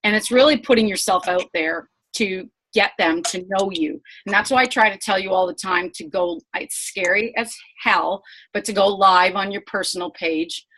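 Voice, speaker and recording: Medium in pitch, fairly bright and animated, she talks at a moderate pace into a computer mic. The woman, a team leader, runs a casual online sales training live, moving from flustered apologies and under-the-breath swearing to friendly, encouraging chatter.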